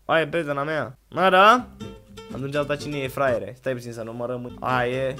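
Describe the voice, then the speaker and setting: A man doing casual reaction commentary on fan videos, loud, crude and mocking, swearing constantly. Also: medium pitch, level tone, faint music behind.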